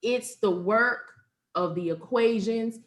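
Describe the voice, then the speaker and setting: A woman's voice: a little high, takes it slowly. A woman on a webinar panel telling a candid personal story, acting out what people said and laughing now and then, heard over a video call. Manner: candid storytelling, acts out quotes, laughs often.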